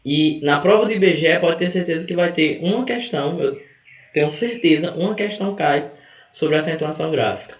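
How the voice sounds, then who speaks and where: A man's voice: on the high side, fairly quick, roomy sound. A man teaching an exam-prep grammar lesson who stretches out words to show the stressed syllable and corrects himself mid-sentence. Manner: self-correcting, restarts mid-phrase.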